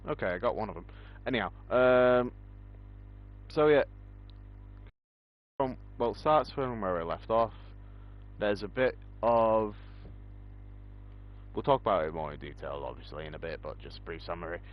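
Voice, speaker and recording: A young man with a fairly low voice chats loosely, filling gaps with ums as he goes. The recording sounds dull and lo-fi. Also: moderate pace, long pauses. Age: young adult. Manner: rambling, many ums. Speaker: podcast host. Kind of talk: casual chat.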